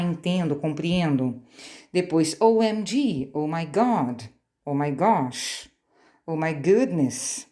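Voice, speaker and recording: A woman's voice: deep voice, warm tone. A Brazilian woman teaching an online English lesson, explaining patiently, spelling out letters and checking in with frequent tag questions. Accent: Brazilian Portuguese. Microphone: phone screen recording.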